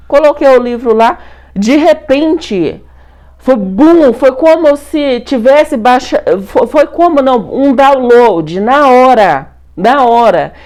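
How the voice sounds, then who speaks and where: A middle-aged Brazilian woman telling a personal story to her viewers in a lively, colloquial, repetitive way. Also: sits high. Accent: Brazilian Portuguese. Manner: animated, repetitive, colloquial retelling. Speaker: spiritual channel host.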